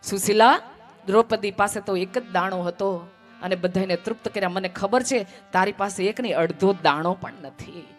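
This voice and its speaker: A woman's voice: medium pitch, moderate pace, soft background music. A woman from Gujarat telling a devotional story as a sermon, emphatic and fond of repeating phrases. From Gujarat, India.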